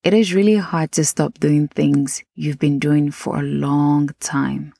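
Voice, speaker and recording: A woman's voice: deep voice, fairly even intonation, takes it slowly, creaky, warm tone, dry recording, studio quality. A woman with a Nigerian accent hosting a podcast, chatting casually and talking straight to her listeners. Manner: chatty, addresses listeners directly. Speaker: podcast host.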